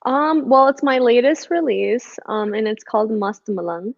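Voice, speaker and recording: A woman with a slightly high voice talks easily over a video call, laughing between phrases and reaching for words with ums and likes. The sound is muffled and a little lo-fi, dry with no room around it. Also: animated, moderate pace, vocal fry, no echo. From born and raised in the West. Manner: giggly, chatty, many fillers. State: morning voice. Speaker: musical guest. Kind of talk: casual video-call interview.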